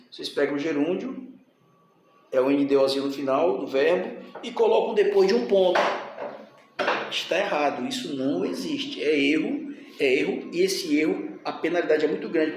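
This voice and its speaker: A man's voice: a little high, lively intonation, moderate pace, very echoey, a little hiss or hum. A man teaching a grammar lesson, explaining step by step and checking in with his students. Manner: explains step by step, often asks "tá?" and "certo?".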